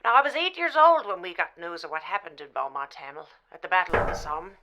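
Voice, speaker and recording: A woman's voice: on the low side, animated, fast talker, pushed and bright. A woman playing an old caller. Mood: sorrowful. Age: older. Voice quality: homely, folksy speech. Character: elderly Newfoundland woman, mournful caller remembering the war. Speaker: radio call-in caller.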